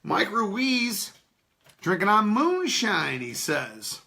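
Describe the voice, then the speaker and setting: A man hosts an unscripted podcast in a high-pitched, bright, forceful voice with vocal fry, very animated but very slow. He rambles loosely, swears, and laughs often while chatting with viewers and reading the live chat.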